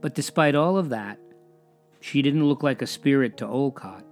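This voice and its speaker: A man tells an eerie true tale in a measured, dramatic way. He pauses often and drops to a near whisper on the spooky details, over soft music. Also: medium pitch. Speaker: narrator. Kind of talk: scripted storytelling narration.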